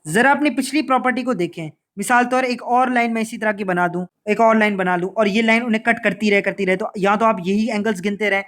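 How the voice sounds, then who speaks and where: A man's voice: high-pitched, fast talker, few pauses, fairly bright tone. A man with an Urdu accent teaching geometry in a recorded video lesson, playful and mixing English phrases into his explanations. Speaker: math teacher.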